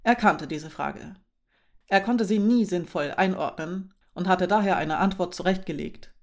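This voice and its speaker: Woman with a low voice reading a novel. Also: measured pace. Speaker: audiobook narrator. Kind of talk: scripted narration.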